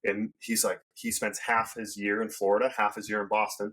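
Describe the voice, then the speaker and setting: A man hosting a fitness podcast, speaking fast and emphatically, like a coach giving advice. His voice sits a bit low and sounds husky. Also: flat delivery, a bit bright. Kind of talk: casual podcast conversation.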